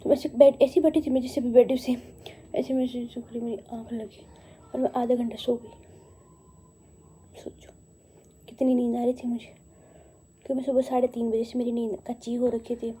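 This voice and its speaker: A woman vlogging casually on a handheld phone at home and on the rooftop. She talks fast and rambles chattily. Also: a little high, little pitch movement, warm tone. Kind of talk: casual home vlog chat. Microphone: handheld phone camera.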